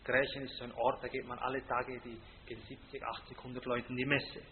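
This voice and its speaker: A man preaching a sermon, loud and emphatic on scripture, dropping quiet for stories, often ending with a tag question. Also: mid-range voice, level tone, fast talker, a little hiss or hum. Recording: tinny phone-like sound with long reverb from a hall.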